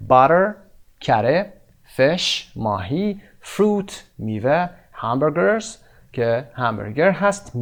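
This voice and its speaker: A male teacher with a Persian accent works through a textbook lesson. He draws the English phrases out slowly and repeats each one carefully. His explanations in between come quickly. His voice sits at a middle pitch.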